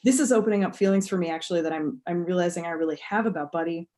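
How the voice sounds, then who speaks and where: Woman co-host, casual chat, thoughtful and animated. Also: lowish voice, rapid-fire, noisy background. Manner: thoughtful, animated, many fillers. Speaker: podcast co-host.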